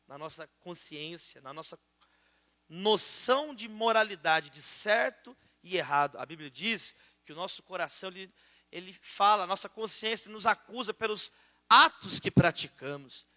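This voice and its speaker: A man with a Brazilian Portuguese accent preaching a sermon and praying in a church auditorium, switching between loud prayer and softer asides. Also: sits high, long reverb tail. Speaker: pastor.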